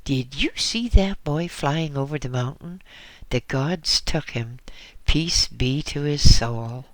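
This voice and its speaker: A man voicing a simple, excitable old monk who sweeps the temples and shrieks in amazement. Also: a little high, slow, no echo. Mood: bawling.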